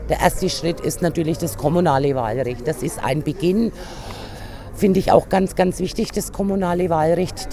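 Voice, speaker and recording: A woman from a union migration committee, speaking emphatically in an interview clip and pausing to search for words. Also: fairly low pitch, warm tone.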